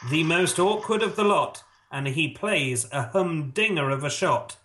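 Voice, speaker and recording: A man doing snooker commentary in a measured, shot-by-shot way, mixed with casual banter and dry, laddish humour. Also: a little high, lively intonation, fairly bright tone.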